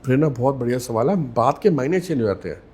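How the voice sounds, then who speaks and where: A man speaking as a communication coach in a podcast interview, measured and emphatic, repeating key words and slipping English phrases into Hindi. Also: medium pitch, lively intonation, darkish tone, husky.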